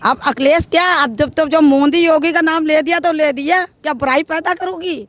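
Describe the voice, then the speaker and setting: A woman with a high voice answers a street reporter. She speaks firmly and plainly, a tea seller who does not mince her words. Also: normal speed. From Pilibhit, Uttar Pradesh. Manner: firm, plain-spoken.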